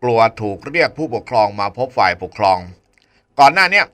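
A man's voice: mid-range voice, very animated, brisk, bright, forceful tone. A man with a Northern Thai accent hosting a local radio news show, chatting casually and tacking polite particles onto nearly every phrase. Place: radio studio.

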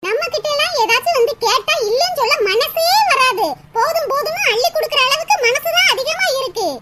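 A woman's voice: extremely high pitch, lively intonation, a little fast, exaggerated voice. A woman voicing a generous young girl in a cartoon, giggly and pleading. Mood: chirpy. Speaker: cartoon voice actor. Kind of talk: Tamil cartoon dubbing. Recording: loud background hiss.

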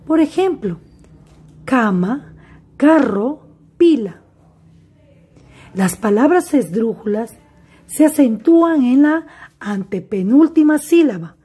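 Slow husky woman teaching a class. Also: a little high, dark tone. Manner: slow, deliberate, addresses pupils directly. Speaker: primary school teacher. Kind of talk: recorded remote class lesson.

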